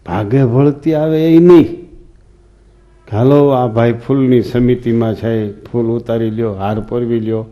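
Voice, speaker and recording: The recording is lo-fi, capturing a man with a mid-range, steady voice who speaks unhurriedly. As a swami giving a scripture discourse, he shares folksy stories and questions the people in the hall.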